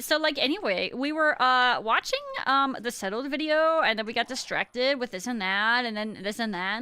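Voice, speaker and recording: A woman's voice: fairly high pitch, bright, forceful tone, smooth. A woman streamer in her thirties chatting casually on a livestream, hamming up a playful valley girl manner with mock slang and self-mocking jokes. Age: 30s.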